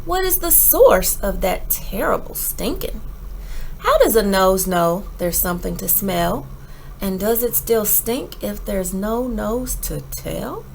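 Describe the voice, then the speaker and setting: A woman voicing a curious, excitable little girl who eagerly fires off questions in a storybook. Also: medium pitch, gravelly, slight background noise, full character voice, poor audio. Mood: excited, puzzled. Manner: eager, rapid-fire questioning. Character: curious, excitable three-year-old girl full of questions.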